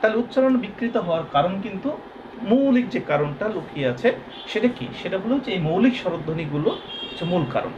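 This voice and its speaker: A man from Bangladesh teaching a lesson, explaining patiently and slowly drawing out sounds as examples. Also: sits high, animated, dull audio, background noise. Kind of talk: recorded classroom lesson.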